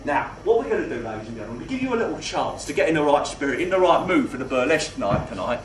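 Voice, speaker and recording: A man playing a mock-genteel, faintly menacing gangster compère, delivering comic stage patter with grand words and drawn-out emphasis. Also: a little high, very animated. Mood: coaxing. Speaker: burlesque show compère in comedy double act. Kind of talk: live comedy patter addressed to audience. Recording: roomy live venue, distant mic, faint noise.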